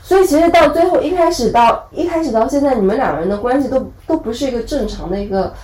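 Female podcast host, calm, summing things up, in roomy audio. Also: high voice, quick pace. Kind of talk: casual chat. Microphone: live audio chat app. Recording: roomy live-chat audio.

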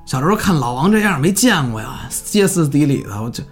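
A man telling a horror story in casual chat, animated and swearing freely. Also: a little fast, soft background music. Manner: animated, jumps pitch for drama, swears casually.

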